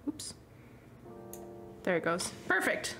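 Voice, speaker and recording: A woman's voice: takes it slowly, pushed and bright, faint music behind. A woman streamer chatting casually with her viewers while she draws, laughing often between remarks. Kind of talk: casual chat during a live art stream.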